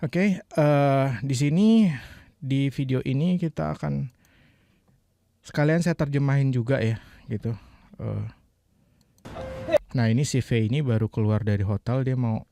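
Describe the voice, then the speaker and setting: A man teaching English with a warm, mellow voice in a casual, explanatory lesson. He sounds relaxed and talkative, and he often repeats phrases slowly to spell them out. The recording is dry and close, with no room sound. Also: mid-range voice, gravelly, no room sound.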